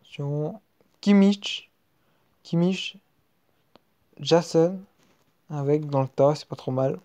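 A man with a French accent commenting casually as he opens card packs in a video game, muttering between loud excited outbursts. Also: fairly high pitch, takes it slowly. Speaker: gaming video creator. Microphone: screen-recording app mic.

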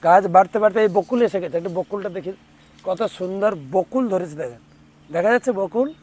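A male monk giving a devotional sermon, retelling a sacred story in vivid, unhurried detail. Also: sits high, a little mellow. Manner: breaks into call-and-response chanting. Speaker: monk preacher.

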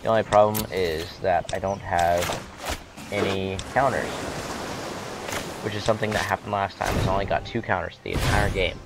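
A young man giving relaxed, wry commentary while playing a card game, thinking aloud with fillers, with hiccups. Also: low voice, normal speed, very noisy. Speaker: gamer. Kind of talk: casual gameplay commentary. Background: loud music.

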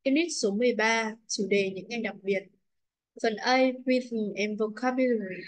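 A woman's voice: a little high, moderate pace, rough recording. A woman English teacher with a Vietnamese accent, going through workbook answers, reading English words and translating them.

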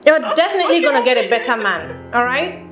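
A woman's voice: sits high, sing-song, fast, a bit bright, soft background music. A woman with a Nigerian accent playing a stern, imperious CEO who is also the daughter's mother in a comedy skit. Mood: soothing. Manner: scolding, imperious.

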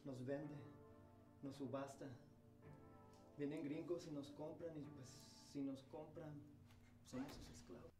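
An actor playing a weary, resigned male captive who talks in a flat, matter-of-fact way. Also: a little high, moderate pace, long pauses, natural voice. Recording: roomy film audio with music.

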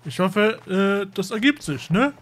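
A let's play host comments casually on his game in a joking, slangy way. His voice sits high for a man and swings around lively. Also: measured pace.

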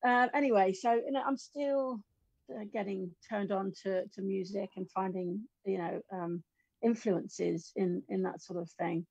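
A woman's voice: medium pitch, fairly even intonation, unhurried, gravelly, a little mellow, breathy edge, no room sound. A middle-aged woman from the UK, a guest musician chatting in a casual interview from her home studio, telling stories with lots of restarts over a video call. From United Kingdom. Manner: chatty storytelling with many restarts. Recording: dull lo-fi dry stream audio.

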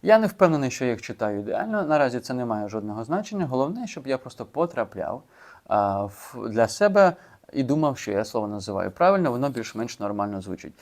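A language learner shares his vocabulary method in a casual video lesson, chatty and informal, full of fillers and restarts. His mid-range voice is sing-song, fast and a little mellow.

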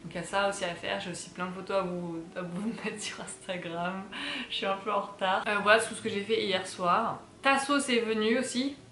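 A woman's voice: mid-range voice, fairly even intonation, fairly quick, pushed and bright, echoey room, slight background noise. A young woman from France chatting casually to camera in her apartment, rambling with lots of fillers. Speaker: vlogger. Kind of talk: casual vlog chat. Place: apartment, indoors.

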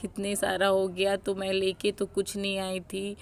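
A woman's voice: mid-range voice, monotone, measured pace, creaky. A young woman with an Uttar Pradesh Hindi accent chatting casually to her viewers as a family vlogger. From Uttar Pradesh, India. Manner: chatty, addresses viewers as guys. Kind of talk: casual vlog narration over footage.

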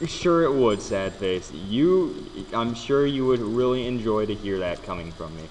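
This young man hosts a casual let's play, his medium-pitched voice lively in intonation but slow in pace. He jokes, swears, and stammers into restarts while playing. The echoey room adds long reverb, plus a bit of hiss or hum.

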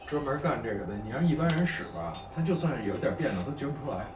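A man's voice: mid-range voice, lively intonation, fast talker, reverberant, distant mic, slight background noise. A man with a Beijing accent chatting casually and colloquially about gear as a guitarist. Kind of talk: casual chat.

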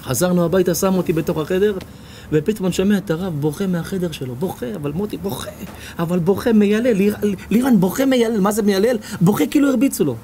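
A rabbi giving a sermon, telling stories with animated delivery and acting out the voices of others. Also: male voice, high voice, slight background noise. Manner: animated storytelling, acts out voices.

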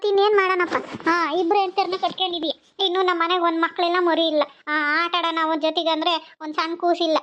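A sarcastic older village mother with a high, level voice, played by a woman. She grumbles in a sing-song, wry way but cares deeply. The recording sounds a little dull and lo-fi. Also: flat delivery, brisk, few pauses, a bit bright. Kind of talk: amateur family skit.

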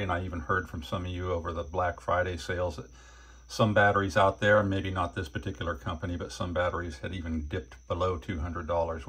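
Low, husky-voiced older man reviewing gear. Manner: relaxed, plain-spoken, with fillers. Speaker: channel host reviewing batteries. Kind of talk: casual hands-on product review. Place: indoor workbench.

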